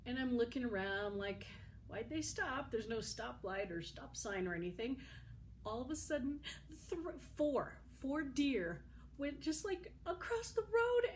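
A woman's voice: medium pitch, slight background noise. A middle-aged woman chatting in a rambling travel vlog from a hotel room, laughing often, recorded on a phone held at arm's length. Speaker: vlogger. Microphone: phone camera at arm's length.

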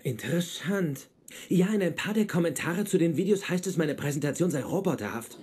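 A man's voice: fairly high pitch, animated, brisk, darkish tone, a little hiss or hum, lightly acted. A man dubbing a pedantic, socially awkward male genius physicist in a sitcom, speaking in a precise, formal and stiff way. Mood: prim. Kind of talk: dubbed sitcom acting.

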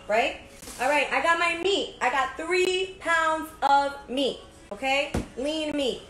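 In her thirties, a woman hosts a relaxed home cooking video, chatting through every step and often asking "right?". Her voice is high and fairly bright, picked up by a phone camera held at arm's length in an echoey, noisy home kitchen.

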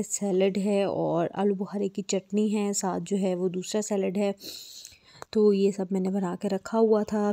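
A woman from Pakistan narrates a tour of her home, filming on a phone as she walks from room to room. Her voice carries a gravelly fry and stays on a fairly even pitch. She talks casually, with plenty of fillers and restarts. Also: no room sound. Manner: chatty, many fillers and restarts. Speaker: vlogger giving a home tour. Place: apartment rooms indoors. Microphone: phone camera held while walking.

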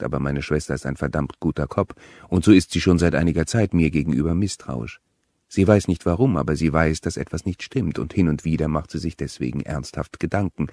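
Male audiobook reader, very low voice, calm and measured, dry close mic. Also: no room sound. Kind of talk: audiobook narration.

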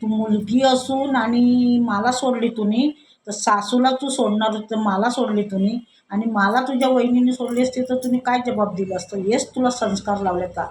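A woman's voice: on the high side, steady tone, normal speed, a little mellow, slight background noise, natural voice. A woman voicing a stern elderly mother who scolds and disowns her daughter. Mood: stern rebuke. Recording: echoey room.

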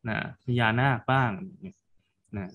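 A man's voice: slow, phone-quality sound, natural voice. A man voicing a sly, persuasive turtle. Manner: earnest, persuasive storytelling speech. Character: clever scheming male turtle pleading his case.

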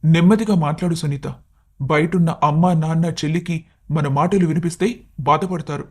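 A man voicing a patient young husband in an animated story, reasoning and pleading with his wife, now and then angry. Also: on the high side, moderate pace, husky. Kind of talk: animated cartoon story voice acting.

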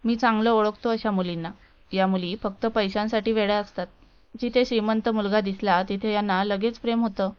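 Storybook part: a haughty young tycoon, voiced by a woman narrator, cold and scornful, smooth, dull recording. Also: medium pitch, fairly even intonation, normal speed, natural voice. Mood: irritated. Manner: cold, dismissive, mocking. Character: arrogant rich young male businessman.

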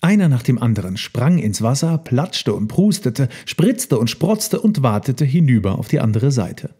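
A man narrating a children's storybook in a calm, even storytelling manner. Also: mid-range voice, normal speed, breathy edge.

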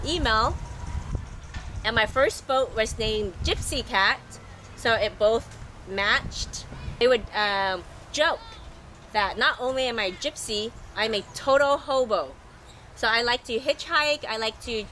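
A middle-aged woman chats to camera in a loose, rambling, easygoing way, her slightly high voice roughened and scratchy from a recently lost voice. A faint hum of noise sits behind her. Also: pushed and bright. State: scratchy, recovering from losing her voice. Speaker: sailing travel vlogger. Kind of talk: casual unscripted monologue to camera.

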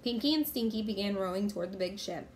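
A woman reading a children's chapter book aloud in a clear, steady storytelling manner. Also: mid-range voice, fast, heavy background noise.

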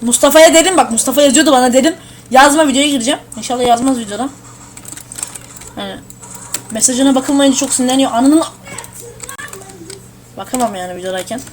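A young woman giving casual gameplay commentary at her home computer, excitable and swearing at the game. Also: high voice, quick pace, long pauses. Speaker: gamer streaming a shooter.

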